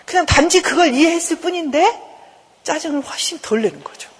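A woman professor giving a lecture, lively and acting out inner dialogue. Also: high-pitched, a little fast, in a large hall.

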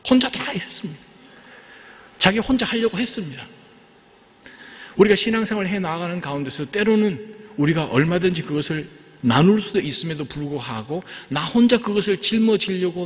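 A man, a pastor, preaching a sermon in an animated way, dramatizing scripture with acted quotes. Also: on the high side, long reverb tail, dull audio. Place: church sanctuary.

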